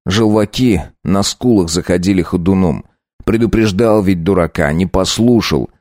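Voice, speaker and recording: A man narrating a dark audiobook in a steady storytelling voice. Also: low-pitched, normal speed, no echo, clean studio sound.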